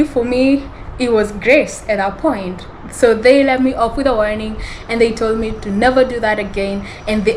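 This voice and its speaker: The recording is rough, carrying a little hiss or hum, as a slightly high-voiced woman tells a personal story on her podcast. Her storytelling monologue rambles and self-corrects, punctuated by frequent laughter.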